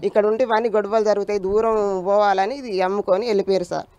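A woman's voice: medium pitch, steady tone, fast talker, darkish tone. An older woman with a Telangana accent gives a distressed account to a reporter, repeatedly calling him sir. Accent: Telangana Telugu. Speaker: victim's mother. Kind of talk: emotional interview testimony.

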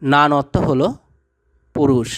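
A man teaching vocabulary word by word, saying each term and then repeating it in a deliberate, patient way. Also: a little high, steady tone, a bit bright. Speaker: language teacher. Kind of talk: slow word-by-word vocabulary lesson.

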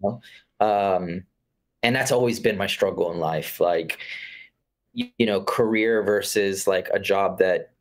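Laid-back, low-voiced man on a video call. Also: measured pace. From Florida, USA. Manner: laid-back, swears casually, many fillers. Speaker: guest filmmaker. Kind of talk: casual conversation. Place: room with curtained window.

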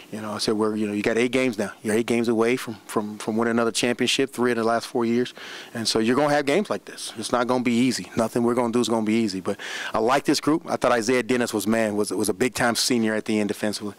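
Fast-talking coach at a press conference. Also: male voice, medium pitch. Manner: animated, repeats words, fast run-on talk. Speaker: head basketball coach. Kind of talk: post-game press conference. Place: press room in front of a backdrop. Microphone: desk microphone on a stand.

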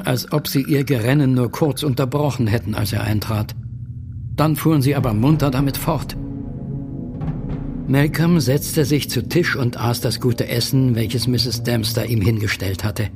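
An actor as the narrator of a German horror radio drama, telling the story in a measured, solemn manner. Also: male voice, mid-range voice, vocal fry.

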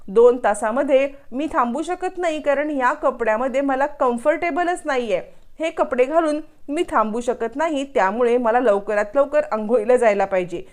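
Fussy, complaining young son-in-law in a TV serial recap, read by a woman, high-pitched and plain. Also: normal speed, a little mellow, lightly acted. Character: fussy young man, a son-in-law particular about bathing.

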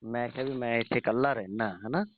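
A man's voice: medium pitch, quick pace, slight background noise. A man on a phone call, coaxing and pleading with the woman he is calling. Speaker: caller. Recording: tinny phone line.

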